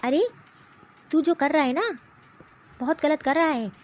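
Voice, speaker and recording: A woman's voice: high voice, measured pace, a little mellow. A woman doing a scolding cartoon mother-in-law. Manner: scolding, exasperated. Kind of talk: animated cartoon voice acting. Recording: slightly muffled lo-fi recording.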